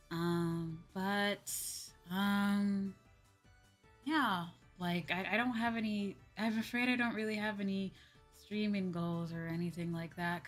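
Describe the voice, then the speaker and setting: Background music plays as a livestream host talks in a lowish, slightly bright voice. She chats casually but hesitantly, frequently saying the same phrases again.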